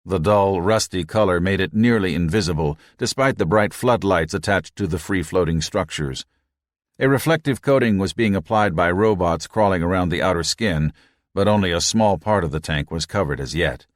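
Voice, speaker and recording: A man reading an audiobook in a measured, even narration. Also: deep voice, no echo, clean studio sound. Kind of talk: scripted narration.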